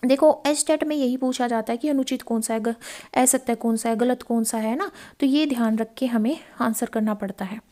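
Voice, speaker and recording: Woman teacher, high and mellow voice, exam-prep tutorial, self-questioning, repeats key terms. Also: moderate pace. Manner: explanatory, asks questions then answers them; repeats key words, mixes in English phrases. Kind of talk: exam-prep lesson explaining past paper questions.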